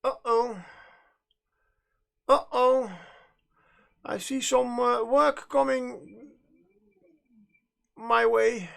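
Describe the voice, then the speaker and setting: This Netherlands-born miniature painter and livestream host, a native Dutch speaker with a Dutch accent, has a steady, mid-range, somewhat bright voice with vocal fry. He draws out his words and pauses often, chatting casually while painting in a hesitant, rambling way full of self-corrections.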